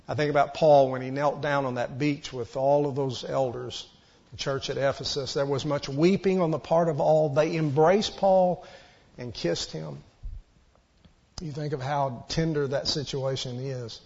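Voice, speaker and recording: Male pastor, husky and creaky, exhorting the congregation, lo-fi sound. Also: fairly high pitch, darkish tone. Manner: explains Greek word meanings, earnest and exhorting. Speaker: preacher. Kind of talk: sermon. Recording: dull lo-fi church recording.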